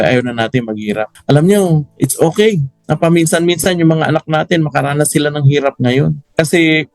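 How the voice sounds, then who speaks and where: Male preacher, lively storyteller, quizzes his flock; dry close mic, faint music bed. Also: mid-range voice, no room sound. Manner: animated storytelling, challenges listeners with questions. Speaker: Bible study teacher. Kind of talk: Taglish Bible study preaching.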